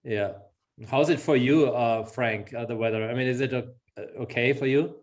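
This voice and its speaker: Speaking at normal speed with a medium-pitched voice, this middle-aged man is a sales executive hosting a webinar by video call. He's from Austria, a native German speaker with an Austrian accent, and keeps things upbeat and chatty in an effusive, encouraging way.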